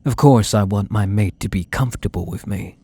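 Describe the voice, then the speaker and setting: A man voicing a possessive young half-spider bully in an intimate ASMR role-play, coaxing and teasing softly, tender yet menacing. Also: lowish voice, brisk, husky, dry recording. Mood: apologetic, tender. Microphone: close microphone.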